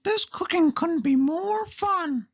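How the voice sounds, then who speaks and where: A man voicing a cheerful little cartoon mouse in a squeaky falsetto for a children's storybook. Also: lively intonation, slow pace, lo-fi sound, exaggerated voice. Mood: chirpy, upbeat. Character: cheerful cartoon mouse, male, small and chirpy.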